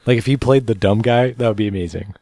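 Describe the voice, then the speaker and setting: Laid-back low-voiced podcast host. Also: male voice, fast, no room sound. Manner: relaxed, rambling, many fillers. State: tired. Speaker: podcast co-host reading news. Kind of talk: casual chat.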